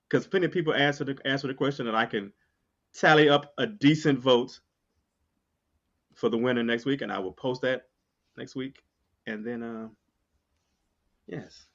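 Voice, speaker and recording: A man's voice: medium pitch, moderate pace, long pauses, a bit bright, highs cut off. A man co-hosting a podcast in casual chat, musing and opinionated, often repeating his phrases for rhythm. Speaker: podcast co-host.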